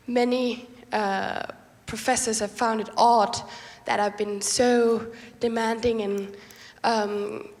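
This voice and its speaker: A woman's voice: fairly high pitch, darkish tone. Young woman from Denmark, echoing hall. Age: young adult. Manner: earnest, hesitant with many ums. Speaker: student asking a question. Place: large lecture hall. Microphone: handheld mic. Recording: long hall reverb.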